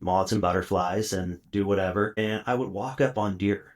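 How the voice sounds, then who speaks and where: A middle-aged man from South Texas speaks as a podcast guest. His voice sits very low. He tells his stories in a loose, rambling way, full of fillers and restarts. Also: moderate pace. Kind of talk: casual storytelling interview.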